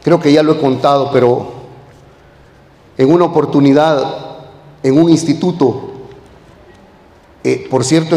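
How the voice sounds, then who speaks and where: Male pastor, fairly high voice, narrative sermon style, roomy reverberant church sound. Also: darkish tone. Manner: storytelling, addresses listeners as brother. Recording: echoey hall.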